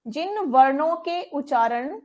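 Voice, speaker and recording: A Hindi teacher with a high, animated, slightly mellow voice leads an exam coaching lesson. She talks slowly, repeats each term, and poses questions to the class before answering them herself.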